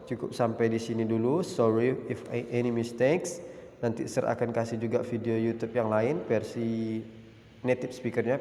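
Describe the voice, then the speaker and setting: Male English teacher, measured classroom delivery with drawn-out examples, reverberant room. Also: mid-range voice, dark tone. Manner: switches between explanation and slow, drawn-out example sentences. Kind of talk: recorded grammar lesson for students. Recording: echoey room with long reverb.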